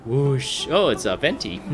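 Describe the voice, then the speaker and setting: Playful, very low-voiced woman gamer. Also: huge pitch swings, slow, music in the background. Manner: playful, silly asides. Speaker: game streamer. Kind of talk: casual game commentary with dialogue read-along.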